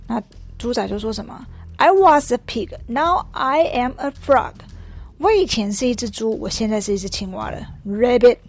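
A woman's voice: on the high side, expressive, normal speed. A woman voicing a playful pig from a picture book who insists she is a frog, in a light, airy, matter-of-fact tone.

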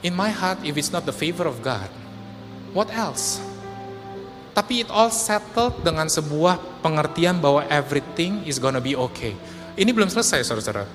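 A male pastor with a fairly high voice preaches a story-driven sermon, slipping English phrases into his talk and turning often to the congregation. His voice swings from loud to hushed. It rings through a large hall with long reverb and faint music underneath. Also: expressive, moderate pace.

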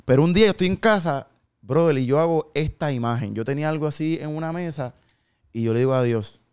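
Earnest man telling his story, smooth voice. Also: on the high side, quick pace, darkish tone. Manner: earnest storytelling with quoted dialogue, slangy asides. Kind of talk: casual testimony in an interview.

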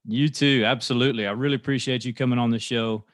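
A man's voice: medium pitch, fairly even intonation, quick pace, no echo, studio quality. A man hosting an interview podcast, friendly and talking with frequent fillers. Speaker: podcast host.

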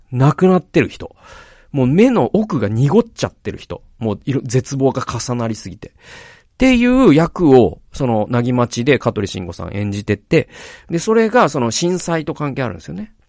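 A male podcast host chatting casually and animatedly, his pitch rising and falling a lot as he rambles. He keeps breaking off mid-thought and starting over. The sound is dry and close, with no room echo. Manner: animated, rambling, often restarts his sentences. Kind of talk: casual chat about film acting.

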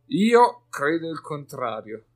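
A man's voice: fairly high pitch, sing-song, slow, pitched above the performer's own voice, exaggerated voice. A man voicing a suspicious male warrior who questions and mutters, with faint music behind. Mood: probing.

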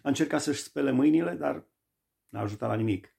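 A man's voice: medium pitch, gravelly, dark tone. A man preaching a sermon, emphatic and repeating phrases for stress.

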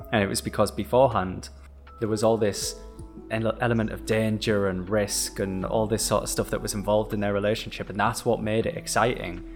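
A young man co-hosting a casual chat, talking in a reflective, rambling way. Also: fairly low pitch. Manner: reflective, rambling, laughs easily. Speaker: podcast co-host.

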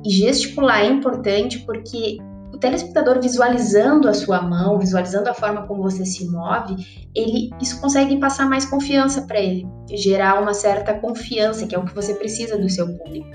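A woman gives public speaking advice in a relaxed, conversational manner, often turning to her audience with a quick check-in. Her voice sits in the middle range for a woman. The room rings with a noticeable echo, and soft guitar music plays faintly underneath. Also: medium pitch. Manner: conversational, often tags "né?" and addresses viewers directly. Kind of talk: casual instructional talk.

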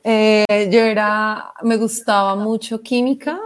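A woman's voice: mid-range voice, fairly even intonation, takes it slowly, clean tone. A woman chatting casually on a live stream from home, bubbly and self-mocking, full of exclamations.

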